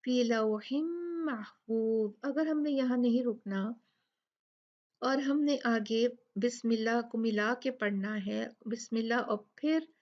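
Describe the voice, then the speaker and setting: A woman teaching Quran recitation rules step by step, patiently explaining and slowly drilling each word. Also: on the high side, fairly even intonation, dull audio. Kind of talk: step-by-step tajweed lesson.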